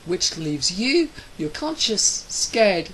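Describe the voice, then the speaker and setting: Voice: medium pitch, big pitch swings, takes it slowly, a bit bright, a little hiss or hum, low-quality recording. A person delivering a rambling, opinionated monologue in a theatrical, declamatory way, drawing out phrases for emphasis. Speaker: solo speaker of a rant video.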